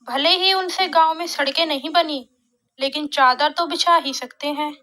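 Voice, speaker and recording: Patient young husband and son, voiced by a woman, explaining, high bright voice. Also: steady tone, moderate pace.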